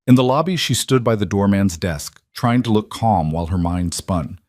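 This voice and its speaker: A man narrating a romance story in a steady, even reading. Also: on the low side, moderate pace, no room sound, studio quality. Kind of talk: scripted audiobook narration.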